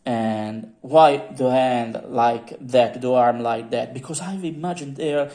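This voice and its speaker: A man showing off his painted figurines in a casual vlog, talking haltingly with many fillers and playful asides, filmed at his home hobby desk. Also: medium pitch, warm tone. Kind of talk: casual show-and-tell vlog.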